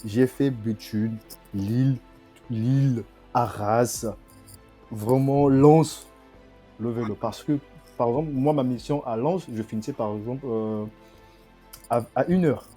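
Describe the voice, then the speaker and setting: A young man from the Republic of the Congo, a student, tells his story as a guest on a podcast, speaking haltingly and often repeating himself. His mid-range voice is mellow, with faint music playing behind him.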